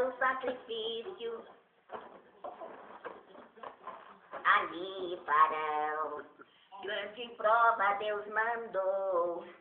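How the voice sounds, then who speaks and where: A young man singing slowly in a thin, squeaky helium voice. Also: echoey room, phone-quality sound. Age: young adult. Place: living room indoors.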